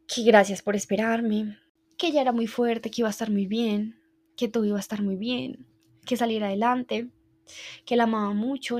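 Flat-voiced woman telling a story. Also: fairly high pitch. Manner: reflective, heartfelt, halting recounting. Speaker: podcast host. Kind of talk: personal storytelling monologue.

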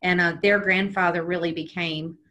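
A woman's voice: on the low side, steady tone, moderate pace, pushed and bright, highs cut off. A woman hosting a conversational interview, supportive and affirming, sharing research and her own experience as a parent.

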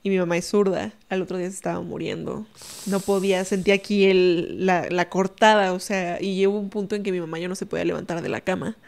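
Animated Mexican woman telling a story. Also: fairly low pitch, fast talker, vocal fry. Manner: animated, tags lines with "¿no?", acts out quoted voices. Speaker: podcast guest storyteller. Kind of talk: casual storytelling.

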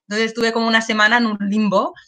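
A woman with a fairly high, fairly bright voice speaks quickly in a level tone. As a guest in an interview giving personal testimony, she is candid and emotional, restarting often and using many tag questions.

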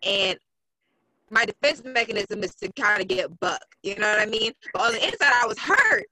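A woman hosting a podcast, telling a personal story in a casual, expressive way and acting out other people's lines. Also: mid-range voice, normal speed, a little hiss or hum. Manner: expressive storyteller, acts out voices.

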